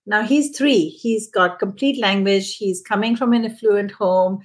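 A woman's voice: medium pitch, measured pace. A woman who trains teachers, telling an anecdote in a conversational podcast. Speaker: early-childhood trainer.

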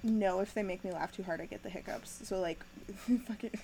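A young woman talks through a TV episode in a loose, chatty way, dropping in ums and quick laughs. Her pitch sits mid-range for a woman. A faint hiss of noise runs under the recording. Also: creaky, dark tone, rough recording. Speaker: podcast host recapping a TV episode. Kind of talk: casual chat.

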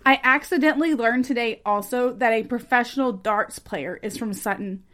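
A woman's voice: on the high side, normal speed, a bit bright. An American woman hosting a podcast as a conversational true crime narrator, mixing narration with casual chat. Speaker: podcast host.

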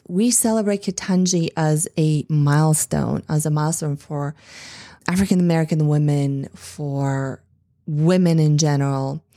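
A woman in her forties, with a low, dark voice, gives an impassioned, earnest speech to an audience of women in tech, using lots of "like"s and restarting sentences. The sound is clean studio audio with no echo.

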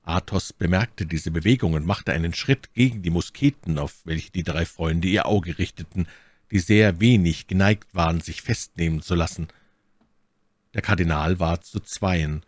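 Deep voiced guy reading an old adventure novel aloud, steady, dry audiobook sound. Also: moderate pace, no room sound. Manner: steady, storytelling. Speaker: audiobook reader. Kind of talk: scripted narration.

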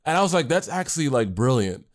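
A man's voice: medium pitch, big pitch swings, fast. A man co-hosting a casual podcast chat, rambling with fillers and restarts. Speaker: podcast co-host and anime creator.

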